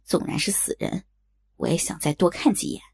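A woman's voice: on the low side, fairly even intonation, moderate pace, gravelly, darkish tone, breathy edge, no room sound, voice pushed down. A woman voicing a crude, lecherous young male bandit who grumbles and leers in a coarse way, for an audiobook. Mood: leering.

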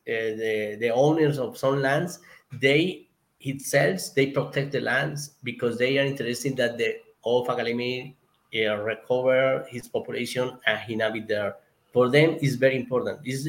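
Appearing as an interview guest, this conservation project member from Colombia speaks with a Colombian Spanish accent. His voice is mid-range and creaky, and he frequently halts and begins again as he hunts for the right words.

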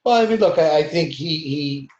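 A man speaking as an interview guest in a relaxed, halting way, with many fillers. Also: fairly high pitch. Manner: halting, full of "you know" fillers. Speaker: film producer, interview guest. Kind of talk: casual interview conversation. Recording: roomy, dull lo-fi sound.

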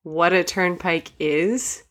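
Woman, podcast co-host, hesitant, questioning, fairly low voice. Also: slow pace, a bit bright. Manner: hesitant, asks clarifying questions. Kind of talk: casual chat.

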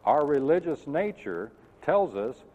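A man's voice: fairly high pitch, very animated, a little slow. A man preaching a sermon, teaching earnestly and emphatically and asking his listeners questions. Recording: tinny lo-fi sound in a reverberant hall.

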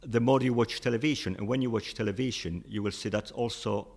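Low-voiced man patiently explaining languages. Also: fairly quick, gravelly, husky. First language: not English. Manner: patient, explains with examples, chuckles often. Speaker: interview guest explaining languages. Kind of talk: casual explanatory chat.

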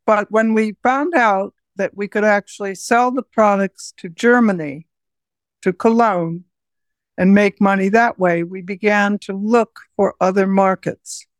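Woman guest, earnest and explanatory, mid pitch, dry sound. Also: unhurried, no room sound. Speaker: guest, project founder. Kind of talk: interview conversation.

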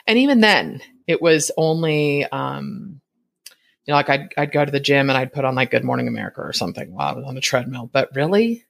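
A woman in her fifties hosting a podcast, talking through a personal reflection quickly and a bit mumbled, laughing often. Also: extremely low pitch, animated, vocal fry. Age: 50s. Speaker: podcast host.

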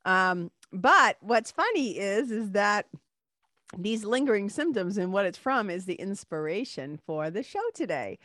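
A woman hosts a solo podcast in a casual, playful, chatty style with some light swearing, her nose stuffy and congested so she sounds nasal. Her mid-range voice is animated, pushed and bright, at a measured pace. The studio-quality recording is dry.

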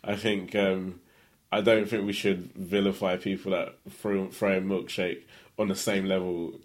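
A man's voice: sits low, level tone, a little slow. A man hosting a podcast, easygoing and hedging as he chats and asks his guests questions. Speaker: podcast host. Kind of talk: casual chat and interviewing.

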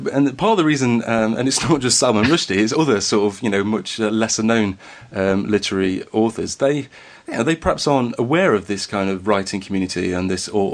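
Northern english guy hosting a podcast, kinda low voice, lots of ums, careful diction. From northern England. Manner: hesitant, many fillers and restarts, careful enunciation. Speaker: podcast host. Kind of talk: casual podcast interview.

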